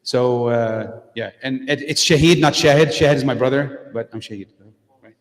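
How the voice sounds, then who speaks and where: A middle-aged man gives an informal community talk with Q&A as a guest speaker in a mosque hall, speaking directly and plainly with frequent fillers and restarts. His voice is medium-pitched with fairly even intonation and a moderate pace, and the echoey hall adds long reverb.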